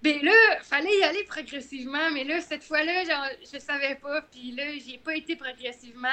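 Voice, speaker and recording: A young woman with a Quebec French accent, chatting casually and telling a story in an animated way, acting out the lines she quotes. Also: high voice, a little fast. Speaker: guest runner. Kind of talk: casual podcast chat.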